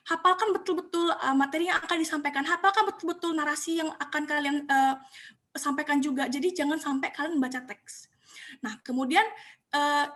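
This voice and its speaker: Over a computer mic, a young woman presents a webinar with casual tips, chatty and encouraging, pausing often with fillers. Her voice sits high and sounds a bit bright.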